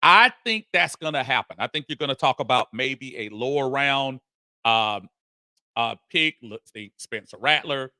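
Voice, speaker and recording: A man hosting a live sports talk stream, energetic and folksy, greeting viewers by name and reading their comments. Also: medium pitch, normal speed, no echo, studio quality. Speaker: sports talk show host.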